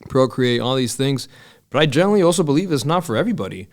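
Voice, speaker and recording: A man's voice: mid-range voice, lively intonation, fast talker. A man in his early thirties hosting a podcast, talking in a loose, rambling, casual way with plenty of swearing and filler. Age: 30s. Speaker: podcast host. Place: Miami.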